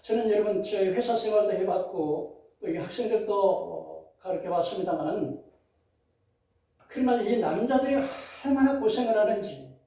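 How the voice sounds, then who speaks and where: Brief: older male pastor, high voice, mellow tone, animated sermon, heard from afar in a very echoey hall. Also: moderate pace. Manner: animated preaching with acted quotes, shifting loud and soft. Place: large church sanctuary. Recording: roomy echo, voice from far off.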